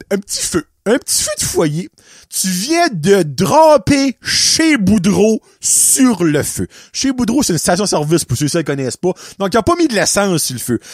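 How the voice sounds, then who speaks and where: A high-pitched man with an Acadian French accent rants as a podcast host, his voice swooping up and down as he tells an angry story. He swears freely and slips between French and English mid-sentence. The recording is dry and close. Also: big pitch swings, a little slow, no echo. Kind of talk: ranting monologue.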